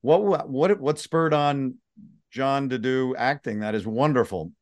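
A man's voice: medium pitch, unhurried, dry recording. A man in his sixties hosting an interview, asking questions with a fan's enthusiasm. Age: 60s. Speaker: host.

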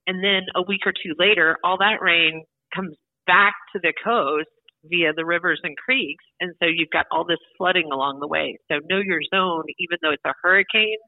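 A woman's voice: fairly low pitch, normal speed, no echo. A woman calls in to a radio show, and her voice comes through a thin, tinny phone line with no room sound around it. She talks in a chatty, explanatory way, like a guest laying out the details. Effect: heard over the phone. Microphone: telephone.

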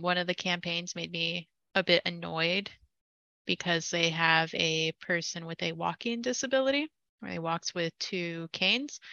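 Bright, clear-voiced woman telling a gaming story. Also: on the low side, no echo, dull audio. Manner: animated, laughing storyteller with fillers. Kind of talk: casual storytelling.

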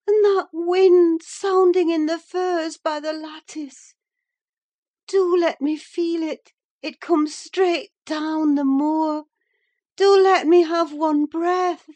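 Voicing a frightened, delirious young wife for a classic-novel audiobook, a woman speaks slowly in a high, mellow tone pushed above her normal range. The character is fretful and pleading, prone to gasping exclamations, and here she comes across as pleading and bitter.

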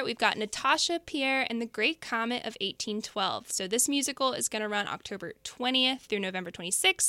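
A woman's voice: fairly high pitch, pushed and bright, no room sound. A woman co-hosting a local news podcast, talking about events in an enthusiastic, friendly way into a studio microphone. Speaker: co-host, associate editor.

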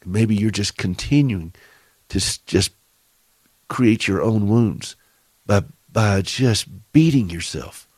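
A man's voice: fairly low pitch, slow pace, darkish tone, breathy edge, no room sound. A middle-aged man with a Southern accent hosting a radio show for caregivers, giving earnest, preacherly encouragement and asking listeners direct questions. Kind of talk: faith-based encouraging talk.

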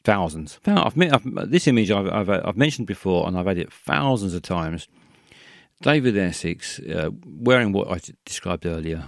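Low gravelly man rambling on a call-in show. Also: no room sound, studio quality. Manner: meandering, halting, many fillers and restarts. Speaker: radio call-in host.

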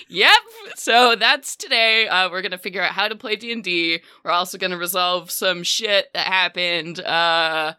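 A woman hosting as dungeon master in casual, rambling, excitable and giggly podcast chat. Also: fairly low pitch, moderate pace, hardly any pauses, clear, resonant tone, no echo, clean studio sound.

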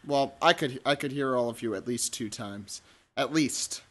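A man hosting a podcast in a casual, unscripted way, halting and stumbling over his words. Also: medium pitch, a crowd in the background. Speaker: podcast host.

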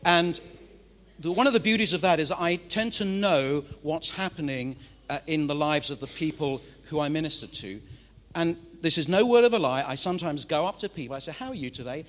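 A British man, a pastor, preaching a sermon in an animated, playful way and talking straight to the congregation. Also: fairly high pitch, moderate pace, long reverb tail. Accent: British English. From Britain.

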